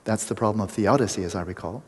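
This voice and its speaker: Male Buddhist teacher, low and breathy, reflective lecture delivery, long reverb. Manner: measured and reflective, often restarting phrases. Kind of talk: dharma talk lecture.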